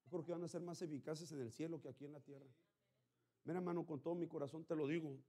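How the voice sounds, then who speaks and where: A male pastor preaching a sermon with fervor. He moves between quiet asides and loud outbursts and jokes bluntly with his congregation. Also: on the high side, steady tone, fast talker. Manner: fervent preaching, swinging from quiet to shouting.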